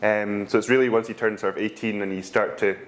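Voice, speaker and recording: Speaking as an interview guest, this low-voiced man from Scotland, who represents a whisky brand, spins easygoing stories punctuated by frequent pauses and ums. A little background noise sits under the recording.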